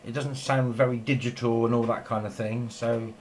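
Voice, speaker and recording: Filming in his home radio shack, this amateur operator and video maker talks in a loose, rambling, casual way. He speaks at a moderate pace with medium pitch that barely moves, a slightly mellow tone, and a little hiss or hum behind him.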